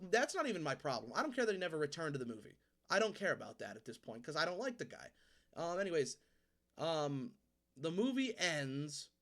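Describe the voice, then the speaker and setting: A man's voice: fairly high pitch, a bit bright. A man in his twenties hosting a video, telling a story in a rambling way, swearing freely and correcting himself as he goes. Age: 20s. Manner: rambling, profane, quick self-corrections. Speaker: host. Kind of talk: casual storytelling and movie ranking.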